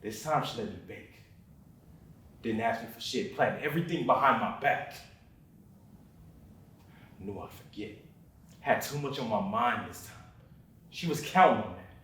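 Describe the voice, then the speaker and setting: A man's voice: medium pitch, expressive, moderate pace, a bit bright, a little hiss or hum, natural voice. A young man plays a guilt-ridden father who broods over his failings in blunt, profane talk. His voice sits in a middle range. It is recorded from a distance in a strongly echoing room. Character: remorseful separated father who missed son's birthday. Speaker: student actor. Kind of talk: dramatic monologue. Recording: very echoey room, mic far off.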